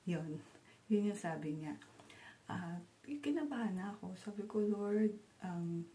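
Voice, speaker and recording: A woman's voice: fairly low pitch, sing-song, unhurried, mellow. A woman from the Philippines, telling her story in a casual vlog, chatty and switching between languages with many fillers. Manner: chatty, mixes Tagalog and English, frequent "and then" fillers. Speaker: travel vlogger.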